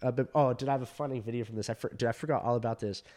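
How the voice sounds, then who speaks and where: A man who does stand-up telling a long story in casual chat, full of fillers, swearing and animated quoted voices. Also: medium pitch, very fast. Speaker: stand-up comedian.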